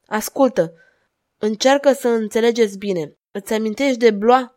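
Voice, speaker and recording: A woman reading aloud and voicing a cold, relentless duchess who speaks in an insistent, measured way. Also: on the high side, a little mellow, natural voice.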